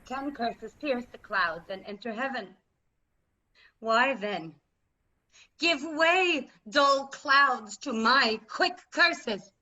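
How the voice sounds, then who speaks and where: A woman's voice: on the high side, animated, sharp tone, exaggerated voice. A woman playing a bitter, deposed old queen in classical verse, declaiming with scorn over a video call. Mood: venomous cursing. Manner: declamatory, scornful, slow and deliberate. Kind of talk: classical verse stage acting. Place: remote video-call staged reading. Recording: dull video-call audio.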